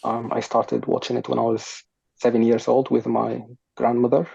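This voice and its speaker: Sitting on his sofa at home, a young adult man from Sudan joins a podcast over a headset on a video call, and the audio comes through dull and lo-fi with no room sound. He answers with care, a little hesitant and full of fillers. His mid-range voice is husky, gravelly and dark, delivered in a monotone at normal speed.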